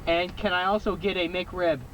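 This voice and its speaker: A man's voice: high-pitched, level tone, normal speed, fairly bright tone, dull audio, slight background noise. A young man ordering food at a drive-through speaker from his car, hesitant, with many "uh" fillers and restarts.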